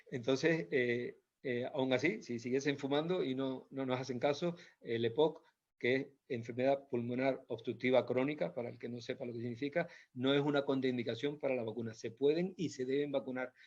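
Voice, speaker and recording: A Spanish doctor in the Canary Islands gives an informal health talk, patiently walking through slides while repeating key points and hesitating often. His mid-pitched, darkish voice is steady and at normal speed, captured on a dull, lo-fi recording.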